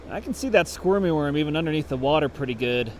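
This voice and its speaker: Fly fishing instructor, man, slightly high voice, casual outdoor demo with faint road noise. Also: expressive, fast talker. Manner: casual, explanatory, thinking aloud. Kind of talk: on-the-water instruction. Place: outdoors at a creek.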